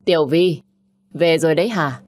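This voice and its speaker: A woman narrator voicing a stern, hoarse elderly grandfather who scolds loudly and barks orders. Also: low-pitched, normal speed, lightly acted.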